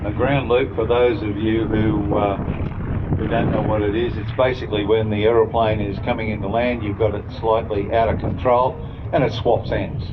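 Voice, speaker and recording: A man giving explanatory live airshow commentary, setting out technical details in a measured way for listeners. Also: fairly low pitch, little pitch movement. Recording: dull outdoor PA, loud engine noise.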